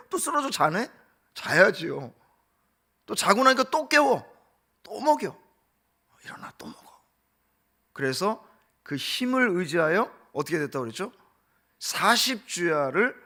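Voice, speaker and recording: A middle-aged male pastor delivers an impassioned dawn prayer sermon, full of rhetorical questions and acted-out lines. His voice sits a little high and swings widely in pitch. A gravelly edge runs under its bright, forceful tone. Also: sing-song, moderate pace. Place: church sanctuary.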